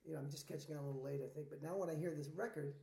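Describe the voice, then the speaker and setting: Laid-back rambling songwriter man, gravelly, roomy sound. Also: on the high side, steady tone, very fast, warm tone. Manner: laid-back, rambling storyteller with many fillers. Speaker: singer-songwriter guest. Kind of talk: casual interview chat.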